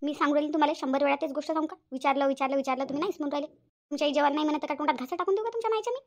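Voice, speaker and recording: Woman doing a sharp-tongued young daughter-in-law. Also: high-pitched, rapid-fire. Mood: indignant. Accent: Vidarbha Marathi. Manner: indignant, defensive. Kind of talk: cartoon voice acting.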